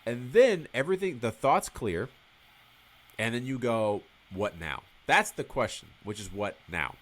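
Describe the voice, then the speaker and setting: A man's voice: medium pitch, lively intonation, measured pace. A man as a podcast guest, talking candidly and swearing freely, telling stories with acted-out dialogue in casual conversation.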